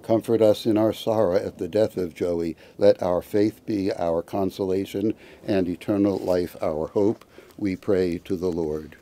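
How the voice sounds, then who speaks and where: A man, a priest, reciting committal prayers at a graveside in a measured, liturgical way. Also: sits low, fairly even intonation, dark tone, slight background noise.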